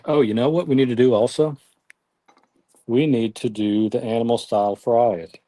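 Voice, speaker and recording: A man's voice: medium pitch, fairly even intonation, moderate pace, mellow, dry recording. A man hosting a casual live cooking stream, chatting with viewers in a self-deprecating way. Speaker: grill streamer.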